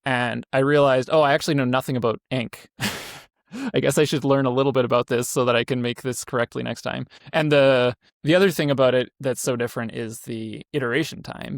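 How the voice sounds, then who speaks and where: Gravelly-voiced man in his 30s, indie dev guest, loose rambling delivery, dry close sound. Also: mid-range voice, no echo. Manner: rambling, self-correcting, frequent fillers. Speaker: indie game developer guest. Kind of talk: casual interview talk.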